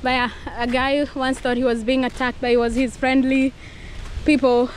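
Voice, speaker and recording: Young woman travel vlogger, high bright voice, excitable and giggly, handheld camera with clear wind and surf noise. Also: moderate pace. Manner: excited, laughs often. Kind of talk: casual travel vlog. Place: outdoors on a windy coastal cliff. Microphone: action camera at arm's length.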